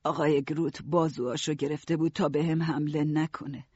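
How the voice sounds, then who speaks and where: Husky male audiobook narrator. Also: a little high, no room sound, muffled recording. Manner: steady first-person storytelling.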